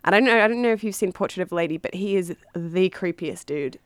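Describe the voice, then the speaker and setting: A woman's voice: on the low side, fast, no room sound. An Australian woman co-hosting a radio show, chatting casually with a sardonic edge and plenty of ums and likes. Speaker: radio co-host. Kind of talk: casual chat.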